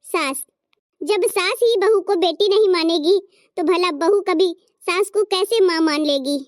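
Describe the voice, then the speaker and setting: A patient, soft-spoken young daughter-in-law in a cartoon family drama, as a woman acts her out. She speaks very high and gently, giving advice. The recording is close and dry. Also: unhurried, no room sound. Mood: gentle. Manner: gentle, advising. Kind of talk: cartoon story voice acting.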